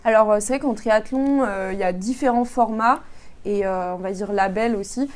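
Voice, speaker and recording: A woman's voice: medium pitch, normal speed, darkish tone. A young woman being interviewed as an amateur triathlete, explaining things in a patient, conversational way with frequent hesitations and fillers.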